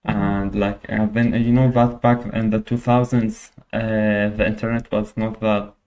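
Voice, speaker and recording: Young guy from syria on a podcast, lowish voice, pretty monotone, lots of uhs. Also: unhurried, soft background music. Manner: hesitant, many fillers and restarts. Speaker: guest. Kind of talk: casual interview.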